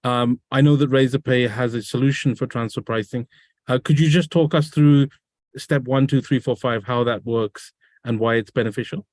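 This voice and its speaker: Over a video call, a man hosts a business webinar, interviewing guests conversationally and following up with curious questions. His mid-range voice is a little mellow, with fairly even intonation and moderate pace, and there's no room sound.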